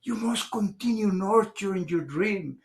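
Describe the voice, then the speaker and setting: A man with a Boston accent giving an inspirational keynote speech at a public speaking club, telling his story slowly and dramatically. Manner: slow, dramatic storytelling with lively pitch.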